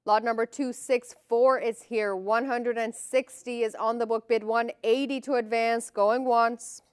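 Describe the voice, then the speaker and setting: A woman's voice: on the high side, fairly even intonation, measured pace, smooth, dry recording, clean studio sound. A woman working as an auctioneer, calling lots and bids in a formal, clipped, repetitive manner.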